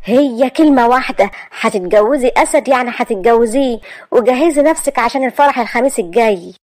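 A woman's voice: fairly high pitch, fast talker, a little mellow, no echo, pitched above the performer's own voice, lightly acted. A woman with an Egyptian accent voicing a stern mother who scolds and commands her daughter sharply. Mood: scolding.

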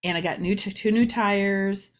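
A woman's voice: medium pitch, steady tone, normal speed. A middle-aged woman, chatting through a casual local news vlog with joking asides. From Ohio, USA.

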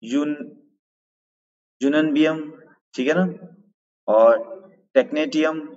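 A man's voice: fairly high pitch, slow, darkish tone. A man teaching a live online quiz lesson, explaining answers step by step and checking in with his viewers. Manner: greets viewers in chat and asks for answers. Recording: dull, lo-fi sound with long reverb.

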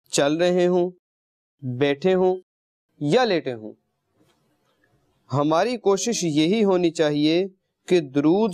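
A man with a slightly high, slightly mellow voice teaches moral lessons to children through religious stories, talking to them directly with questions and favorite phrases. He hosts the programme from carpet among the kids on an indoor set, and the studio sound is clean with no room sound.

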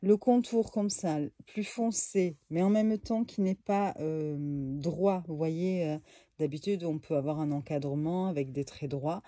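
Mellow-voiced woman chatting through a deck review. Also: low-pitched, unhurried, no echo, clean studio sound. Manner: relaxed, chatty, full of fillers and asides. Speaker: tarot card reviewer. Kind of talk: casual deck review vlog. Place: room at home.

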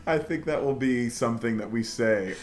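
A man's voice: medium pitch, moderate pace. Young man chatting while gaming. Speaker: video game let's player. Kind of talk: casual chat while playing. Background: faint game music.

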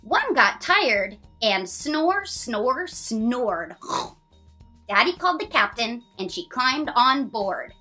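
A woman in her thirties, fairly high in pitch, reads a children's picture book with faint music behind her. The reading is expressive and sing-song, with drawn-out lines and counting along.

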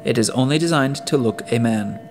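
A man's voice: medium pitch, brisk, soft background music, voice pushed up, close to an everyday voice. A man playing a suspicious male detective who questions and gives orders bluntly. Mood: commanding suspicious. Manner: blunt, commanding, probing.

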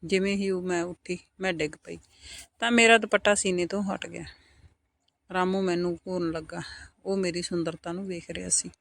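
A woman with a Punjabi accent narrating a first-person story in a soft, intimate scripted delivery. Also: on the low side, steady tone, moderate pace, gravelly, no echo.

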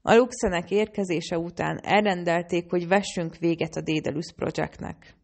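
A cold, scheming woman scientist who hisses her words, read by a woman narrator. The voice sits very low and has a gravelly, creaky grain. It is an audiobook reading. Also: steady tone. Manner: hissing, curt.

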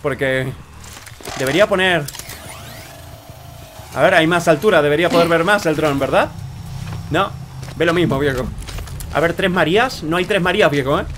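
High, bright Argentine man gaming. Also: normal speed, pauses often, faint music behind. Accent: Argentine Spanish. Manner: excitable, shouts and laughs often. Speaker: streamer. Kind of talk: gameplay commentary.

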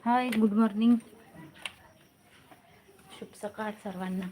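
A woman's voice: mid-range voice, fairly even intonation, slow pace, mellow, slight background noise. A woman hosting a casual phone live stream, coaxing viewers to comment and thanking them again and again. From Maharashtra, India.

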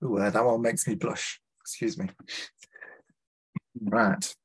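His voice is lowish, level, and slightly rough: a Liverpool poet with a Scouse accent giving a live reading at a literary festival. Between poems he offers spoken introductions, hesitating with small fillers, and he reads in a measured, deliberate way.

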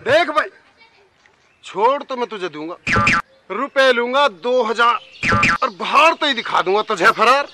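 An actor playing a boastful, bossy and corrupt village police inspector in a comic sketch. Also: male voice, very high voice, lively intonation, a little slow, pauses often, noisy background. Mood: sly. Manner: boastful, bossy, then wheedling when caught.

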